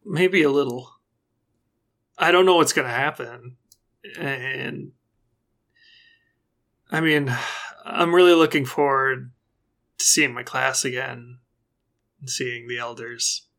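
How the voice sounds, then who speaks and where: An excitable, earnest young woman adventurer, as a player puts her on. She rambles and fills her sentences with little asides, in a mid-range voice with a gravelly, fry-edged texture. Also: medium pitch, slow, long pauses. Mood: uncertain. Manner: rambling, giggly, fillers like "like".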